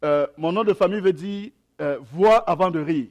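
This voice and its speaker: Delivering a sermon, this young pastor with an African mother tongue first reads scripture at a slow pace, then preaches with pauses and repeated phrases. His voice sits high.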